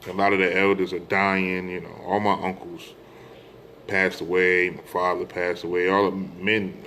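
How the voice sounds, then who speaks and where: With a low-pitched, slightly bright voice, a middle-aged man from the United States gives a casual religious talk to his online followers. He speaks emphatically, circling back to repeated phrases and asking rhetorical questions, over a bit of background noise.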